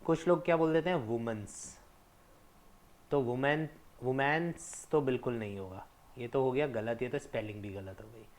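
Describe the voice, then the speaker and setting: A young man teaching English pronunciation, stressing each word slowly and setting wrong forms against right ones. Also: medium pitch. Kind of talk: explanatory lesson mixing Hindi and English.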